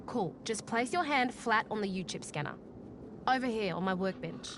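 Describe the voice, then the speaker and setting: Woman playing a brash, animated young junk dealer. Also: mid-range voice, normal speed, noisy background, close to an everyday voice. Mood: brisk, bossy. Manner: sarcastic, cheeky, slangy. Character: brash, cagey young female junk dealer and tech tinkerer. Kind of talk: video game voice acting.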